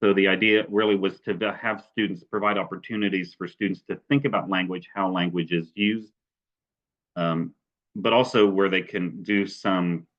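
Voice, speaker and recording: The recording is muffled, and the man's low-pitched voice moves at a normal speed with fairly even intonation. He's a West Virginia presenter giving an academic webinar, leaning on fillers like "sort of" and "kind of" and restarting his sentences.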